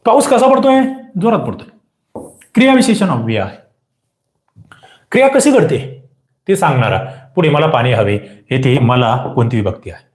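Man, young adult, exam-prep teacher, lively and insistent, echoey room. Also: medium pitch. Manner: quizzing, repeats questions and pushes for quick answers. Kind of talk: live online grammar class.

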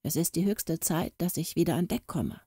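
A woman voicing an old male boatswain, loyal and secretive, speaking in a hurried, lively way in a storybook reading. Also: fairly low pitch, husky, no room sound, clean studio sound. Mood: urgent.

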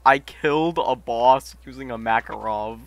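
A man's voice: mid-range voice, measured pace, creaky. A young man streaming a game with friends, casual and exasperated, swearing often. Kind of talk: casual gameplay chat with friends.

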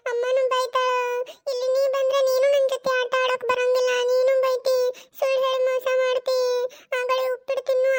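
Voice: very high voice, a bit bright. A performer voicing a small cartoon grandson who whines and pleads to be played with. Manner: whiny, pleading, tearful. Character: small whiny grandson, wants to play. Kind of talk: cartoon character voice.

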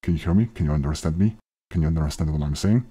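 A man's voice: quick pace, warm tone, a little hiss or hum. A man in a gaming voice chat talking through a clangy robotic voice changer, mockingly taunting a teammate he has betrayed. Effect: deep robotic voice changer. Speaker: gamer teasing a teammate.

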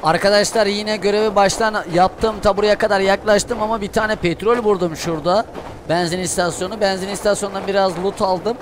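A young man doing Let's Play commentary, excitable, cursing and shouting at the game. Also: sits high, a little fast. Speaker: gaming streamer. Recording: noisy gameplay audio behind voice. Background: game sounds and ambience.

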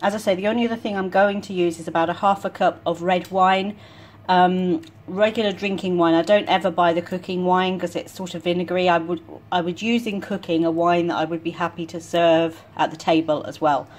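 A woman talking casually through each step of a home cooking demonstration in a relaxed, chatty way. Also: fairly low pitch, fairly quick. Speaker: home cook vlogger. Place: home kitchen.

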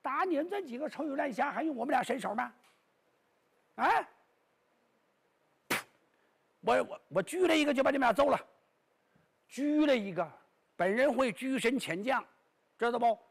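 A male storyteller voicing a boastful, cowardly bluffer who stammers and talks fast, with a raspy voice. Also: extremely high pitch, lively intonation, voice pushed up, exaggerated voice.

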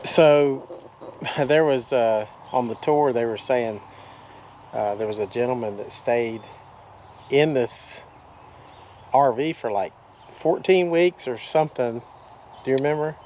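An older man casually narrating a travel vlog outdoors, talking slowly and folksily with fillers, into a camera at arm's length. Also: medium pitch, a little hiss or hum. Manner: slow, relaxed, folksy with fillers. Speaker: travel vlogger. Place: outdoors at an abandoned amusement park.

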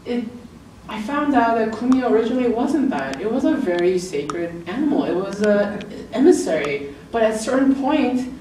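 A middle-aged native English speaker gives an informal book talk in an indoor lecture room, chatty and laughing often, raising her pitch to act out quoted lines. Her dark-toned voice has lively intonation at a moderate pace, captured by a far-off camera as roomy, noisy audio.

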